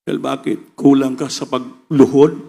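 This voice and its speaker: A man with a Filipino accent preaching a sermon with passion, swinging between loud preaching and quieter asides. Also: mid-range voice, level tone, normal speed, creaky.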